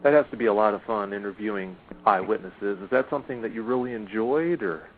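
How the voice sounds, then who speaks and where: Calm man host, tinny sound. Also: fairly low pitch, a little fast, faint music behind. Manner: calm, reflective, asks short questions. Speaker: podcast host. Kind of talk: casual interview.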